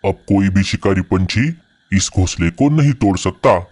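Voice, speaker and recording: Reassuring cartoon father bird, played by a man, steady, practical, lowish voice. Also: moderate pace, dry recording.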